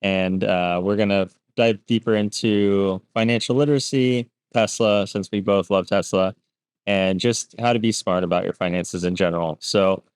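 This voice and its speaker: Podcast host, man, lowish smooth voice, flat even delivery, close dry mic. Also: normal speed, no room sound. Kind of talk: podcast interview hosting.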